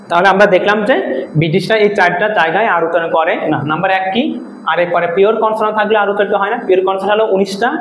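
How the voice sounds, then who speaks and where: A man with a fairly high voice runs a quick-paced pronunciation lesson, going through each rule and repeating the example words. He is recorded in an echoey room with a faint hum of ambience behind him. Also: fairly bright tone. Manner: explains step by step, repeating rules and example words. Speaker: English pronunciation teacher. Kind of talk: classroom-style spoken English lesson.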